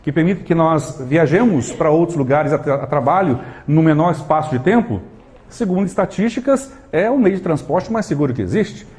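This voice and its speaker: A man with a Brazilian Portuguese accent giving a live motivational talk to an audience, animated and full of rhetorical questions, acting out little scenes. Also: fairly high pitch, normal speed. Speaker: motivational speaker.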